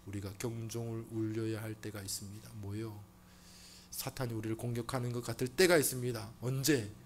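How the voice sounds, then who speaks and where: A male pastor preaching a Sunday sermon, asking rhetorical questions and swinging from loud exclamations to hushed, slow emphasis. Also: fairly low pitch, steady tone, slight background noise.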